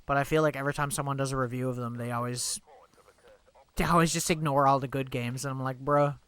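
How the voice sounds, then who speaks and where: A man's voice: medium pitch, steady tone, fast talker, a bit bright, smooth. A young man with a stuffy, congested voice chats casually and rambles with lots of fillers while live-streaming a game. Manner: chatty, rambling, many fillers like "like" and "you know".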